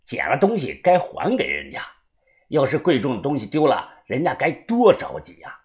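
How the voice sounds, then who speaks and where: A man voicing a fussy retired old man who collects jade, with a Beijing accent, speaking lower and quieter. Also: wildly swooping pitch, moderate pace. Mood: wheedling.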